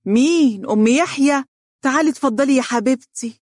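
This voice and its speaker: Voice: mid-range voice, animated, rapid-fire, darkish tone, husky, no room sound, studio quality. A narrator voicing a fussy, middle-aged mother who scolds her son, with an Egyptian accent. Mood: reproachful. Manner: reproachful, emotional.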